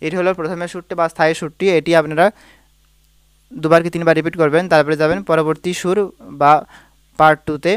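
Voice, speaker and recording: This slightly high, smooth voice barely moves in pitch; he's fast but pauses often, and there's no echo. A Bengali-accented man teaches a devotional harmonium song, explaining patiently and singing brief sung examples.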